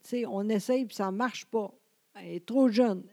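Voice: mid-range voice, normal speed, darkish tone. A Québécois co-host in their forties, chatting casually and agreeing often. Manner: agreeing, brief interjections. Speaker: podcast co-host. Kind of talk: casual chat.

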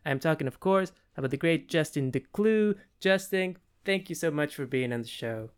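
Clear-voiced enthusiastic male podcast host. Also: on the high side, lively intonation, moderate pace. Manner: enthusiastic, scripted intros. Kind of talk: podcast interview.

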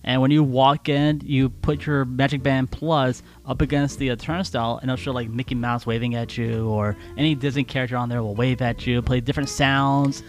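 A man's voice: mid-range voice, level tone, moderate pace, hardly any pauses. A man co-hosting a casual podcast, rambling with many fillers and restarts. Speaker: podcast co-host.

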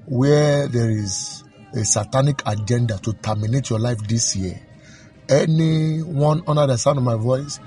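A man's voice: medium pitch, a little slow, warm tone, faint music behind. A man leading fervent prayer, declaring and commanding in rhythmic, repeated phrases. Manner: rhythmic repetition, commanding, emphatic.

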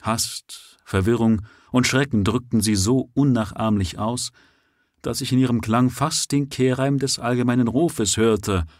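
A man reading a story aloud live at sight, with expressive, unhurried narration. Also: mid-range voice, no echo, studio quality. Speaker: audiobook narrator.

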